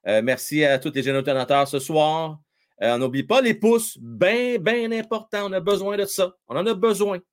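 A man's voice: a little high, lively intonation, moderate pace. Chatty Quebec man hosting a hockey stream. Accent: Quebec French. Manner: chatty, jokey, reads viewer comments aloud, many fillers. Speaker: live-stream hockey host. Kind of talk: casual live-stream chat.

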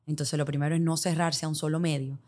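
Woman, low voice, Dominican accent, Spanglish with English business jargon, podcast guest, explanatory. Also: flat delivery, quick pace, a little mellow. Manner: Spanglish, mixing English business terms into Spanish. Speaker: podcast guest, digital marketing expert. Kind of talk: explanatory interview talk with hypothetical examples.

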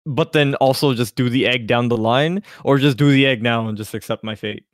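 A young man on a podcast, joking about himself in a lively, animated way. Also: mid-range voice, brisk, dry recording, studio quality. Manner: jokey, self-mocking, animated. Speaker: podcast co-host. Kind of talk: casual chat.

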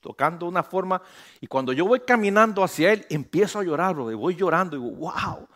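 A pastor preaching a sermon on a church stage, animated, slipping English phrases in and building to loud emphatic peaks. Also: male voice, high-pitched, fast talker. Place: church stage under bright lights.

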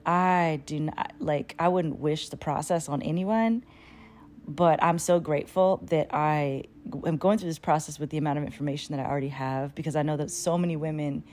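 A woman's voice: low voice, a little mellow, a little hiss or hum. A woman chatting casually and candidly to her followers in a rambling, slangy way with plenty of swearing. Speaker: solo vlogger and podcaster.

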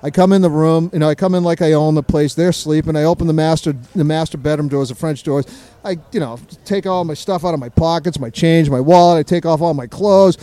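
High-voiced man telling a wild story. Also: fairly quick, few pauses. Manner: animated, swears freely, acts out quoted voices. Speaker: guest storyteller. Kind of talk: casual storytelling.

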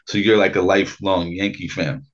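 A man hosting a podcast, chatting casually and firing off lively questions. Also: low voice, highs cut off. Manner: lively, questioning, quick asides. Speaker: podcast host.

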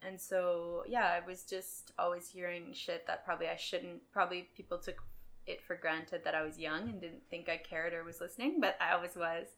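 Speaking at a moderate pace in a steady tone, a Québécoise woman in young adulthood chats openly about her history as a guest on a podcast. Her voice sits on the low side with a bit of brightness, and her relaxed storytelling is full of laughter and the odd curse word.

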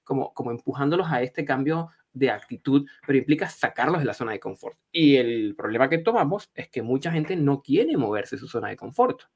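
A man's voice: medium pitch, lively intonation, fairly quick, few pauses, a little mellow, breathy edge. A man, a clinical psychologist, explaining ideas on a podcast and driving his points home by repeating them.

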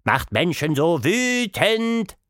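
A man voicing a nervous mouse in a children's story, who squeaks out halting, broken phrases. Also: very animated, a bit bright, dry recording, studio quality, full character voice. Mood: scheming, nervous. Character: nervous sewer mouse, speaks broken German.

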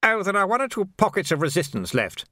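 A man's voice: high-pitched, big pitch swings, fast talker, pushed and bright, no echo, studio quality, voice pushed up, exaggerated voice. A man voicing a pompous male military commander who sounds haughty and complacent.

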